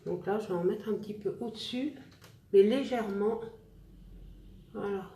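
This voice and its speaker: A woman speaks at a normal speed in a warm, medium-pitched voice, her words echoing in the room. As a makeup vlogger on a casual tutorial livestream, she talks viewers through applying a look, mocking herself good-naturedly throughout.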